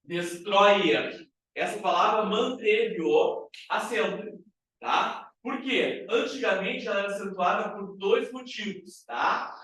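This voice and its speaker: A man with a Brazilian Portuguese accent teaching a classroom grammar lesson, lively and often checking in with rhetorical questions. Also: sits high, a little slow. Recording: very echoey room from far off.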